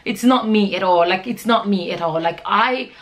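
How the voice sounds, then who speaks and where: Here a Nigerian woman aged forty talks at a moderate pace in a mid-range voice that's a bit bright. As a vlogger and channel host she chats informally while answering viewer questions, often repeating words and phrases to emphasize them.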